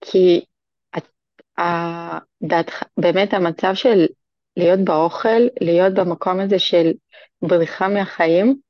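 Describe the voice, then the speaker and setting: A woman's voice: on the low side, steady tone, pauses often, no echo, lo-fi sound. A woman speaking as a podcast guest in an earnest, hesitant way, with many restarts. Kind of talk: casual podcast chat.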